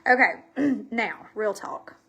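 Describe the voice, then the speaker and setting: A woman's voice: on the high side, lively intonation, takes it slowly, vocal fry, fairly bright tone, husky. A woman with a Southern US accent and a stuffy, congested voice, chatting casually on a livestream in a folksy, self-deprecating way. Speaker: livestream host selling makeup. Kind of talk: casual livestream chat while doing makeup.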